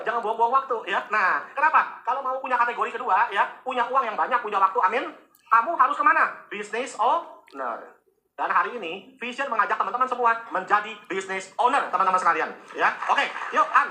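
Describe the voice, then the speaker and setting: A man giving a motivational business seminar to a live audience, joking and teasing the crowd with quick asides. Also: very high-pitched, pushed and bright.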